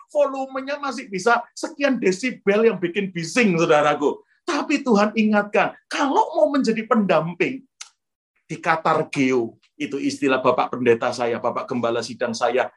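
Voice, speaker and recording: Male pastor, storytelling sermon, repeatedly addresses the congregation directly. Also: high voice. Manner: storytelling preacher who constantly addresses listeners as brothers.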